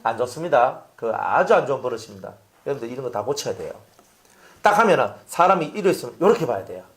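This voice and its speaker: A pastor preaching a sermon, chatty and animated, asking his congregation rhetorical questions. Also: medium pitch, fast.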